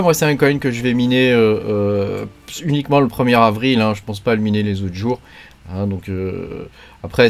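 A man hosting a joking video about crypto mining, talking loosely with constant fillers and small restarts. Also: fairly low pitch. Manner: rambling, heavy fillers and verbal tics. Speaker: crypto YouTuber. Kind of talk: joking casual video talk.

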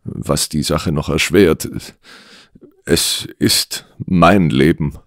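A man voicing a frantic, sickly middle-aged gentleman in an audiobook, talking in urgent, breathless, insistent bursts. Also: rumbling low, extremely slow, dry recording, clean studio sound, exaggerated voice. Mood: desperate.

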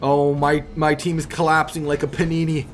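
A man doing live gameplay commentary as a hyped, excitable gamer bro who repeats his phrases, hosting his video. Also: a little high, moderate pace, faint music behind. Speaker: gaming video host.

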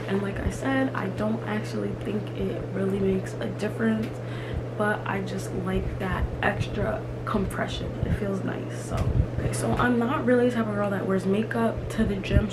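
A young woman vlogging in casual chat, emphatic and chatty with lots of fillers, in a small room. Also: medium pitch. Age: young adult. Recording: loud room ambience noise.

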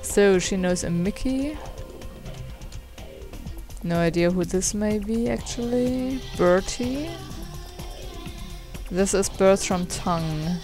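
Let's play host: a woman with a slightly low voice, slow and musing, faint game music behind. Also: a little mellow. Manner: slow, musing, stumbles while reading dialogue options aloud. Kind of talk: casual gameplay commentary.

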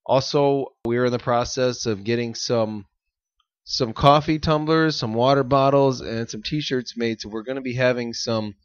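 A man's voice: medium pitch, fairly even intonation, unhurried, clean tone, no echo. A man co-hosting a casual fitness podcast, rambling and laughing often. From United States. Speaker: podcast co-host. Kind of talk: casual chat. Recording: dull lo-fi audio.

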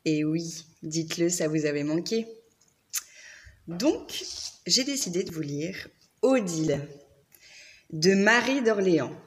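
A woman reading a picture book aloud to children as an expressive, friendly storyteller. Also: on the low side, slow, long pauses. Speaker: library workshop reader.

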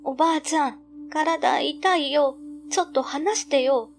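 A woman's voice: sits high, unhurried, soft background music, pitched above the performer's own voice. A woman voicing a startled, innocent schoolboy of about eleven in a ghost story, calling out plaintively like a child.

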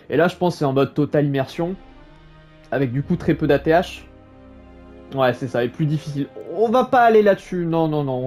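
Casual male game commentator, soft warm tone, thinks out loud, light music underneath. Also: a little high. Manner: musing aloud, informal. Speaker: gaming video host.

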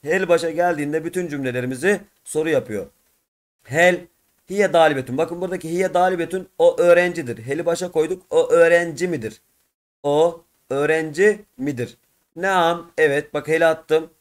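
A hoarse, rough-edged male teacher with a voice a little high for a man moves briskly through a textbook lesson. He reads short Arabic phrases and translates them word by word, addressing his students as friends.

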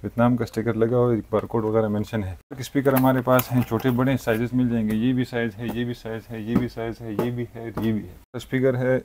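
Male shopkeeper, mid-range voice, brisk polite sales patter in a market shop with a faint noise floor. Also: medium pitch, level tone, a little mellow. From Pakistan. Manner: brisk salesman patter, frequent "thik hai" and "janab-e-wala". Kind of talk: product demonstration sales pitch.

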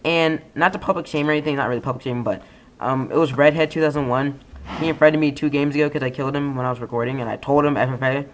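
A young man giving casual, rambling commentary over a game, trailing into mumbled asides and then suddenly yelling. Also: medium pitch, fast, a little hiss or hum. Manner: rambling, excitable, swings between mumbling asides and sudden yells. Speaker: gaming YouTuber. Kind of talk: casual let's-play commentary.

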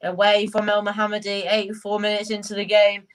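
A woman's voice: mid-range voice, monotone, a little fast, clean tone, rough recording. A young woman hosting a live football reaction vlog, keeping up a running commentary and passing on what her chat says. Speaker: vlogger host.

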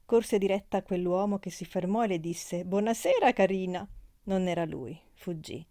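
A woman narrating an old novel as an audiobook in a measured, expressive reading. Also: on the low side, dry recording, studio quality. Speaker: audiobook reader.

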